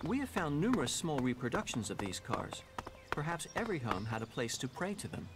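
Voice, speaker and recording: A man playing an emotionless male companion soldier who speaks in a stiff, robot-like way, heard in game audio with loud background noise. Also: mid-range voice, big pitch swings, fairly quick. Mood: flat, formal.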